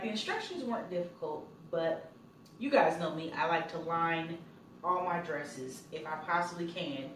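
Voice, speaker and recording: Chatty woman vlogger in an echoey room. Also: on the low side. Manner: chatty, excitable, rambling. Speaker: sewing vlogger. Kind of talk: casual vlog chat. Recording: roomy echo, faint background noise.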